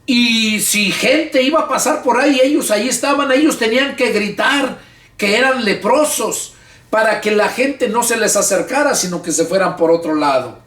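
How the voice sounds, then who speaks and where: A man's voice: very high-pitched, lively intonation, normal speed, a bit bright, reverberant, recorded from a distance. A male pastor leading a Bible study, reading scripture aloud and then explaining it in casual, everyday words with frequent restarts. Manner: casual, colloquial speech with repeated restarts.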